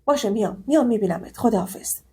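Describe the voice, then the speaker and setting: A woman's voice: on the high side, lively intonation, dark tone, natural voice. A woman voicing a stern, wealthy male university professor who talks in a serious, businesslike way.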